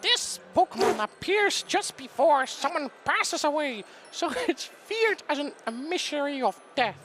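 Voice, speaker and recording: A man putting on the voice of a scary old witch, reading slowly in a drawn-out spooky tone. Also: very high voice, sing-song, fairly bright tone, faint music behind, pitched above the performer's own voice, full character voice. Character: scary old witch woman, creepy and slow.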